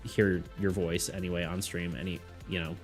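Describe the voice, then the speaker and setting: Here the man's voice sits low and keeps a level tone at normal speed. Faint music plays behind him as he chats casually with viewers on his live stream, rambling, starting sentences over and laughing frequently.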